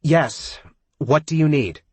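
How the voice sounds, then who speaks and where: A man's voice: lowish voice, lively intonation, normal speed, breathy edge, no echo, voice pushed up. A man voicing a tired young working woman who answers tersely and with frustration. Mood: annoyed.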